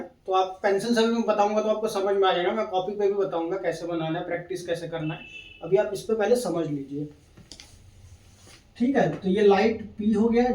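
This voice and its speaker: Guy teaching shorthand, high voice, far from the mic, echoey room, patient, repeats stuff. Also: a little mellow. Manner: patient, repeats steps, keeps checking in with "thik hai". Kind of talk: classroom lesson at a board.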